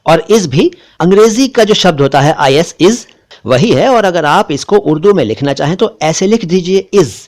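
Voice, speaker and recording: A man with a slightly raised voice teaches Urdu letters as a patient lesson. He drags out each short word slowly and deliberately, and he insists firmly on correct pronunciation. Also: sits high, lively intonation. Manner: slow, deliberate spelling-out of letters and words; stresses correct pronunciation, a bit critical of others. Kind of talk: spoken script lesson.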